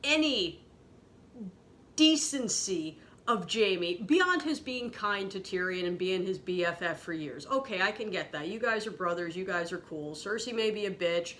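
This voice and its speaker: A woman ranting angrily and sarcastically, swearing freely, her voice jumping up high when she gets outraged. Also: a bit bright, slight background noise. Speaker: podcast host ranting about a TV episode. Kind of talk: angry profane rant.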